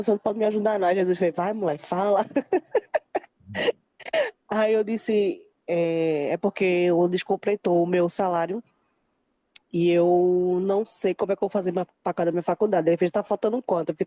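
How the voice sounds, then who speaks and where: A young woman tells her faith story in a lively way, playing out the voices in it. Her tone is dark and mellow. The recording is dry and close. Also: lowish voice, moderate pace, no room sound. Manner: lively storytelling, acting out quoted dialogue. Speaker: participant sharing a testimony. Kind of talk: emotional faith testimony in a group call.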